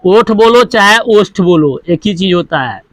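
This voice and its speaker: A man's voice: sits high, lively intonation, moderate pace, fairly bright tone, no room sound. A male teacher giving a grammar lesson, repeating each point and asking questions that he then answers himself. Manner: repetitive, asks and answers his own questions; drills sounds one by one.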